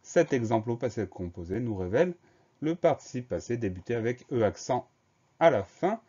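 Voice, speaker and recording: A man's voice: medium pitch, expressive, normal speed, dark tone, slightly rough. A man teaching a spelling dictation lesson, patiently spelling each word letter by letter. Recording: dull lo-fi recording.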